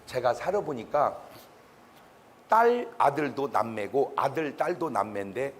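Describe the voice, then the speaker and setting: Lively, joking male pastor lecturing. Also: medium pitch, a little slow, a little hiss or hum. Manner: animated, joking, bursts into shouts. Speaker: pastor giving a public lecture. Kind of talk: humorous public lecture.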